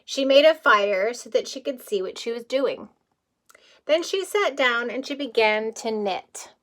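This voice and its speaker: Using a fairly high voice at a somewhat slow pace, this woman reads aloud to little kids as a kindergarten teacher. She poses questions to them, explains words plainly, and delivers the story expressively, chuckling often.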